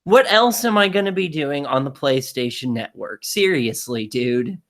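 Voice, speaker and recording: A man venting on a live stream in a mid-pitched voice. He sounds exasperated and leans hard on "like" as a filler. The talk is loose and casual. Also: expressive, normal speed, fairly bright tone.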